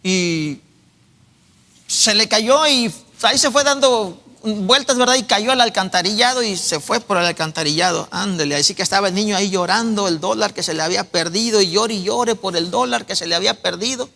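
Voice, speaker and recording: A man's voice: high-pitched, a little fast, gravelly, bright, forceful tone. A middle-aged man preaching a sermon as pastor. He is earnest and tells stories to exhort his congregation, in an echoey church hall.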